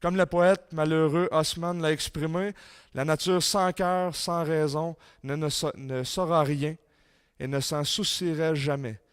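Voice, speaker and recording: A man with a Québécois French accent giving a sermon-style talk in a church, reading quotes with rising force and dropping low for emphasis. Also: steady tone, measured pace, clean tone, dry recording, studio quality. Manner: reads quotes aloud with rising intensity, drops low for emphasis. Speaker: conference speaker.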